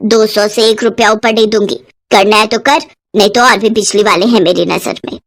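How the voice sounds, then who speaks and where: A woman's voice: mid-range voice, steady tone, normal speed, lightly acted. A woman voicing a stingy, scolding middle-aged mother-in-law in a cartoon, with a bossy, penny-pinching way of talking. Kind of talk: cartoon voice acting.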